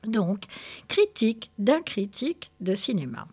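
A woman hosts a reading show and introduces each text in a loose, casual way. She often pauses and fills the gaps with filler sounds. Her voice sits at an ordinary middle pitch. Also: very animated, darkish tone, slightly rough. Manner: hesitant, full of filler sounds. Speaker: host. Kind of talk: casual radio presenting.

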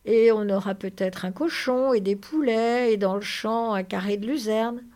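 A woman's voice: mid-range voice, moderate pace, natural voice. A woman reading a weary working man. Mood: strained. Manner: flat, strained. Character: weary protective working man, tense and flat.

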